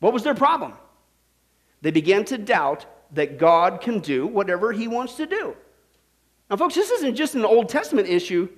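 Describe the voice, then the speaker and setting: A man preaching a sermon as pastor, animated and full of rhetorical questions that he keeps checking with "okay?". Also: sits high, moderate pace.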